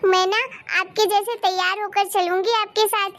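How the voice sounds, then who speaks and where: An eager, chatty little girl from a cartoon story, played by a woman. She talks in a coaxing, childish way. Her voice sits very high. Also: flat delivery, normal speed, a bit bright. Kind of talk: cartoon voice acting.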